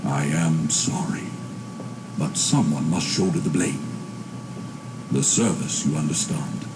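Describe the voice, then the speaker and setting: A man's voice: rumbling low, takes it slowly, background noise. A man voicing a stern official in a game who dismisses an agent, speaking in a cold, clipped, formal way.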